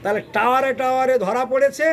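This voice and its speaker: A man with a high-pitched voice delivers a devotional sermon, half chanting and half lecturing. He breaks into sung verses and keeps putting questions to the people in front of him. A faint hum of room ambience sits under his voice. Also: fairly even intonation, fast talker, fairly bright tone. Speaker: preacher.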